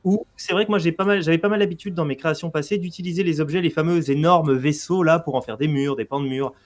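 A man's voice: on the high side, steady tone, fast. A man co-hosting a let's play video, chatting casually and playfully with lots of fillers. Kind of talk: casual gameplay chat.

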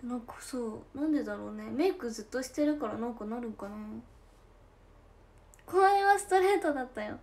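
Reading comments during a casual livestream, a young idol host speaks in a high, bright, expressive voice with a Tosa dialect accent. Her talk is full of giggles, and her phrase endings stretch out and fade softly.

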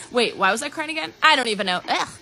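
A woman's voice: on the high side, animated, racing, vocal fry, noisy background. A young adult woman chatting in a jokey, dramatic way for a comedy skit. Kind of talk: casual comedy skit chat.

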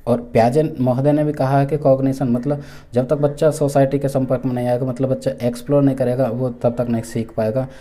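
Dark flat-voiced man teaching. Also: medium pitch. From India. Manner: repeats each point with Hindi and English terms; many fillers and restarts, measured explaining. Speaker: teacher for exam preparation. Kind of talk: recorded exam-prep lecture.

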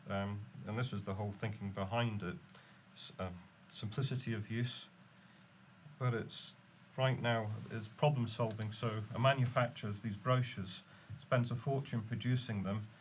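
A man's voice: lowish voice, steady tone, normal speed, a little hiss or hum. A man, a tech company guest, explaining his product enthusiastically in casual chat with some fillers.

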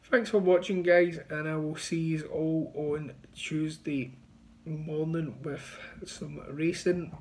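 A man's voice: fairly high pitch, steady tone, slow pace. A man in his thirties giving casual, confident betting tips to camera from a small room, recorded on a phone. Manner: confident, chatty, pushing bets. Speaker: betting tipster. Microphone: phone front camera at arm's length.

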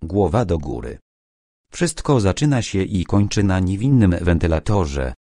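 A man voicing a calm, ironic retired detective in his later years, talking in a low, measured, quietly commanding way in an audiobook. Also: no room sound, studio quality, exaggerated voice. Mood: reassuring.

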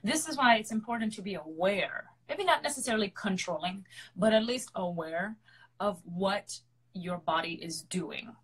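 A woman's voice: mid-range voice, lively intonation, moderate pace, breathy edge, low-quality recording. A woman opera singer, a guest in a live online interview, explaining things earnestly and repeating her points for emphasis.

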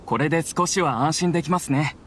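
男性が演じる礼儀正しく職務に忠実な若い衛兵、丁寧な敬語。やや高めの声で、背後にかすかな環境音。. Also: male voice, fairly high pitch, fairly quick, a bit bright, slight background noise, close to an everyday voice. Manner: formal, respectful. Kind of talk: video game dialogue.

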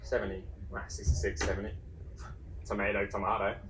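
A man's voice: lowish voice, little pitch movement, brisk. A man in his thirties presenting as an upbeat cruise TV co-host, playful and teasing in light banter. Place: filmed off a television screen in a room. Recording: distant TV playback with background noise.

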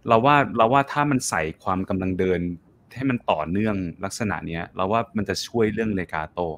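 Teaching classical singing online, this man speaks fast with lively intonation in a low but slightly bright voice. He's warm and encouraging, demonstrates by singing brief phrases, and mixes English and Italian musical vocabulary into his talk.

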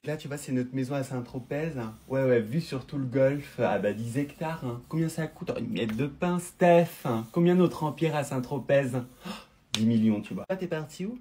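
A man's voice: medium pitch, normal speed, mellow, a little hiss or hum, close to an everyday voice. A man voicing a snobbish, boastful rich woman who drawls condescendingly in a comedy sketch. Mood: haughty.

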